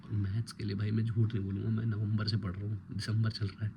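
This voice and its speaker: A young man in his twenties, a college student, talks quietly and rambles in a casual late-night vlog at home, recorded close on a phone. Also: on the low side, flat delivery, fast talker, creaky, noisy background. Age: 20s. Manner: hushed, rambling, self-mocking. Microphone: phone held close.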